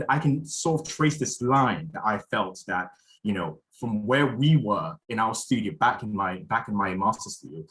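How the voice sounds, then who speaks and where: A man's voice: fairly low pitch, a bit bright, poor audio. A young man from Malaysia giving a spoken introduction as a symposium chair, thoughtful, with frequent fillers and restarts.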